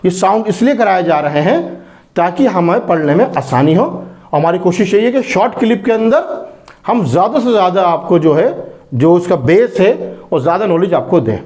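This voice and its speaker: A man teaching English phonics, reading example sentences slowly word by word and repeating each vowel sound. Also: sits high, lively intonation, darkish tone. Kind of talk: phonics lesson.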